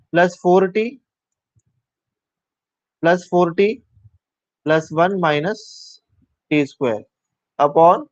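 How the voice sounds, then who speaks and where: Guy teaching maths online, talks thru every step, higher voice, dull dry lo-fi sound. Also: a little mellow, dry recording. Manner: talks through steps aloud, asks students questions; mixes English maths terms into Hindi. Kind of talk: live online maths class.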